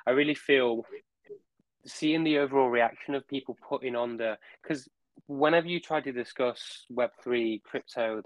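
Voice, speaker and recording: A man's voice: mid-range voice, no echo, poor audio. A man speaks as a podcast guest in a casual, conversational way. He rambles and repeats phrases while searching for the right words. The recording is dry, with very little room sound. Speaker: podcast guest, project representative.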